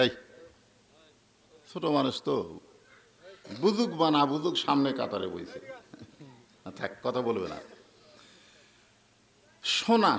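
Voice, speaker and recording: A man's voice: fairly high pitch, creaky, fairly bright tone. A man with a Bangladeshi Bengali accent preaching a waz sermon, telling stories and asking the crowd to answer back. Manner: storytelling, asks the crowd for responses. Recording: echoey hall with long reverb.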